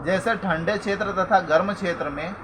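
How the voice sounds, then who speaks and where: A man teaching a lesson, reading his notes in a measured, listing way and now and then correcting himself. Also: high voice, background noise. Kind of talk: reading lecture notes for teacher-training students.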